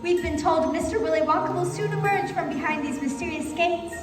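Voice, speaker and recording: Woman as an excited, very high-pitched stage reporter. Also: a little fast. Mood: excited, grand. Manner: grand, excited, proclaiming. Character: breathless-with-excitement female live event reporter, grand announcer. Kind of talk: theatrical news announcing on stage. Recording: echoey hall, distant mic, music.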